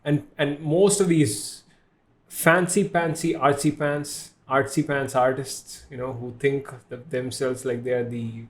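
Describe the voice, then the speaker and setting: A man hosting a relaxed podcast chat, with an English accent that blends Indian and Western sounds. He talks in loose, self-deprecating runs, repeating words and laughing at his own jokes. His voice sits at an ordinary middle pitch. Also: takes it slowly. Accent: mix of Indian and Western English. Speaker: podcast host.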